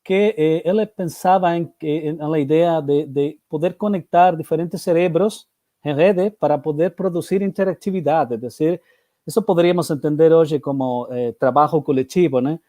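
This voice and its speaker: A man from Chile, a native Spanish speaker, gives a seminar presentation in halting portunhol, Portuguese with a Spanish accent and Spanish words mixed in. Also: fairly high pitch, warm tone, no echo, clean studio sound. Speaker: academic presenter.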